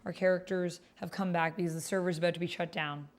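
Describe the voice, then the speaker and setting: A woman with a fairly low, fairly even voice talks fast while hosting a tabletop roleplay livestream. She's informal and chatty, speaking directly to viewers and reading both chat messages and story text aloud.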